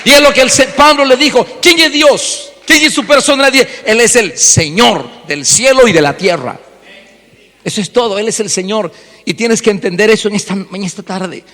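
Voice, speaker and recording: A male pastor preaching an animated sermon, firing off rhetorical questions and mimicking church members. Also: high-pitched, moderate pace. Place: church hall. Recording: long church reverb.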